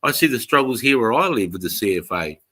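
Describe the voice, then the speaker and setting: A man's voice: mid-range voice, big pitch swings, quick pace, pushed and bright. An Australian man hosting a casual livestream, chatting in a blokey, slangy way with plenty of swearing. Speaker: livestream host.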